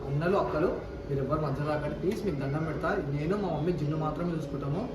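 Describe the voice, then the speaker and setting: Brief: young man, rapid-fire and high, yelling in an echoey, noisy spot far from the phone. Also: fairly even intonation. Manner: pleading then shouting angrily. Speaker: vlogger. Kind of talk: staged family confrontation vlog.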